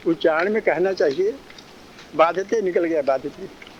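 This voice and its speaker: Guy with a pretty high voice giving a spiritual talk, chuckles a lot, dull lo-fi sound w faint hiss. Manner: chuckling often, drawn-out teaching cadence, repeats phrases. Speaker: spiritual teacher. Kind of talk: spiritual discourse. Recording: dull lo-fi recording, faint noise.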